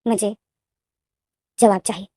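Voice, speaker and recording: A woman voicing a possessive, menacing young male student who talks in a soft, smug, threatening way, in a plainly read story. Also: medium pitch, steady tone, slow pace, dry recording. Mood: insistent.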